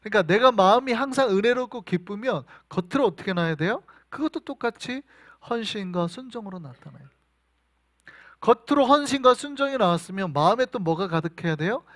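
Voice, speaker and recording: A male pastor preaching a sermon, telling animated stories and asking the congregation questions. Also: high-pitched, brisk, no room sound.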